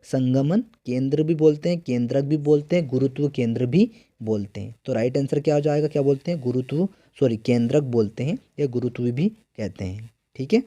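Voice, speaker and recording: A man's voice: medium pitch, fairly quick, hardly any pauses, mellow. A man teaching a math lesson for exam prep. He asks his students questions, answers them himself, and repeats key terms over and over. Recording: echoey room with guitar music behind.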